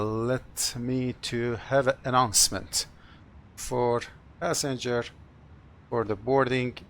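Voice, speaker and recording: A man who is a non-native English speaker, working as an airline captain, talking through cockpit procedures and announcements in short, halting, procedural phrases. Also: mid-range voice, creaky, a bit bright, a little hiss or hum. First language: not English. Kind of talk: cockpit procedure narration, checklist callouts and announcements.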